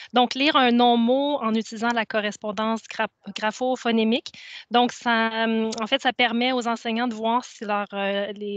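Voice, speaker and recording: A woman presenting a classroom reading activity to teachers, pausing often with fillers. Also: a little high, fairly bright tone, dry recording. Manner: hesitant, many "euh" fillers, thinking aloud. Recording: dull, dry, muffled audio.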